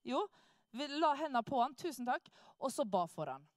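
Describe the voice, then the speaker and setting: A woman tells a church testimony in a lively, animated way and acts out the people she quotes. Her voice sits a little high. The sound is dry and close, with no room echo. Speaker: speaker sharing a testimony. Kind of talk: lively personal storytelling.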